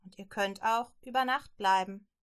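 A woman voicing a bold, quick-witted woman innkeeper in a children's Bible story, brisk and lively. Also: medium pitch, clean tone, lightly acted. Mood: urgent.

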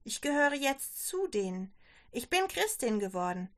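A woman's voice: fairly high pitch, sing-song, measured pace, a bit bright. A woman voicing an earnest young woman who talks eagerly and pleads firmly. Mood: pleading firm.

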